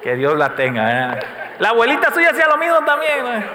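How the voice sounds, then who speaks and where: A middle-aged man preaching a sermon as pastor. He tells stories, swells to loud calls and drops to soft asides. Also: very high voice, wildly swooping pitch, brisk, crowd noise. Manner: preaching with sudden rises and soft dips, storytelling asides. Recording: echoey hall, faint room noise.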